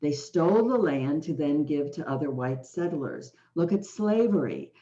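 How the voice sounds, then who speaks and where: With a warm, low, almost sing-song voice, a US woman leads an interview as a podcast host. Her delivery is unhurried and measured yet fervent, full of heavy emphasis. The sound is flat and lo-fi.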